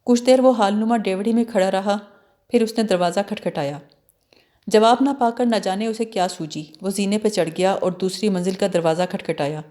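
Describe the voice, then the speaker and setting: A woman reads a novel aloud for an audiobook, her voice mellow, warm and mid-pitched. She tells the story expressively and slips into the characters' lines as she goes.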